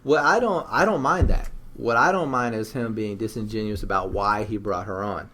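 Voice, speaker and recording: A man's voice: fairly low pitch, moderate pace, pushed and bright. A man co-hosting a podcast in casual discussion, blunt, emphatic and slangy. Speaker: podcast co-host.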